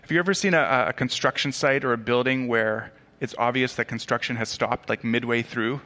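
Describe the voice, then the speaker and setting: A man who grew up in Tanzania, a pastor giving a conversational sermon with casual asides and quick self-corrections. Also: medium pitch, fairly even intonation, pushed and bright.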